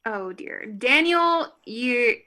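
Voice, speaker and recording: High, bright woman calling a slow roll. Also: animated. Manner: slow, careful reading of names, with apologetic asides and laughs. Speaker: meeting roll-call reader. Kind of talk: reading a roll call on a video call. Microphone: video call.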